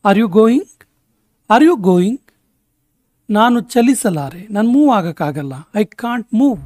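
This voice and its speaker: A man teaching spoken English, saying each short sentence twice in a slow, deliberate way. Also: high-pitched, sing-song, a little mellow, dry recording, clean studio sound. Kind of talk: spoken language lesson.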